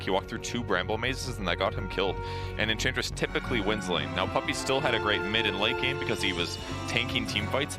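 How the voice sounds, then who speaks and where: A man on an esports panel explaining plays with quick, confident analysis. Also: fairly low pitch.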